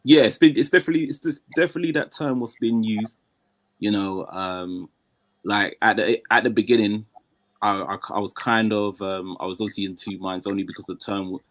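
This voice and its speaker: A man's voice: lowish voice, fairly even intonation, fairly quick, no echo. A man speaking as a guest in a casual conversation, with many fillers and restarts.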